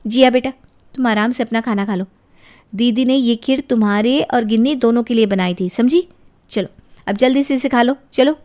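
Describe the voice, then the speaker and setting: A woman voicing a calm, kind aunt in a cartoon storybook, speaking gently. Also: fairly high pitch, normal speed, close to an everyday voice. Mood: soothing. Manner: gentle, soothing.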